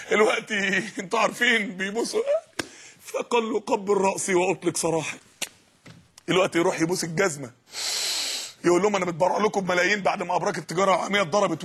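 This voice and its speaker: An Egyptian man preaching an impassioned sermon, shouting repeated refrains. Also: high-pitched, breathy edge.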